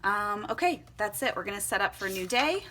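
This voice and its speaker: A young female vlogger from Florida and Costa Rica chats casually and upbeat while walking through her journal setup at home, laughing often. Her medium-pitched voice is brisk and sharp-toned, with lively intonation.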